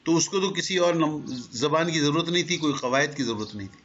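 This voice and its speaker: A man lectures to a class, walking through his points patiently and posing questions to his listeners. His voice sits a little high, and the recording is dull and lo-fi. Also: animated, a bit bright, slight background noise. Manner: explanatory, asks rhetorical questions. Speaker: teacher.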